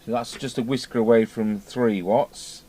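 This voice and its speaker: Muttering to himself as he works, a radio repair technician walks through a casual hands-on repair demo at a workbench indoors. His medium-pitched voice is dark in tone, with fairly even intonation and a moderate pace, against clearly audible background noise and workshop ambience.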